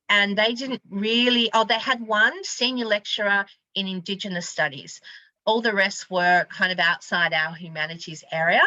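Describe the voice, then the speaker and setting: A woman lecturer talks a class through job hunting in a bright, forward voice, loose and chatty with plenty of ums and restarts. The sound is dry and a little dull, like a home video call. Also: medium pitch, no echo. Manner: chatty, informal, many fillers and restarts. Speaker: university lecturer teaching a class.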